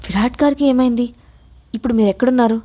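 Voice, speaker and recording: A woman voicing a young woman heroine, anxious and quick to anger. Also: a little high, close to an everyday voice. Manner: anxious then sharp.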